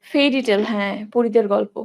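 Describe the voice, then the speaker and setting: A woman's voice: medium pitch, a little fast, creaky, a little mellow. A young woman teaching an online English class, asking questions and answering them herself as she drills word forms.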